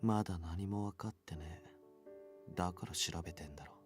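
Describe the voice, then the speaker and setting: Man voicing a gruff detective partner, deep low voice, rapid clipped delivery, faint music. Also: lightly acted. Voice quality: gruff, curt. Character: gruff curt young male detective partner. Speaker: game character. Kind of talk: anime-style game voice acting.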